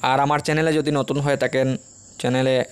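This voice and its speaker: A man teaching an exam-prep lesson, reading through a list of facts in a plain, steady, item-by-item way. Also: mid-range voice, a little fast, clean tone. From Assam, India.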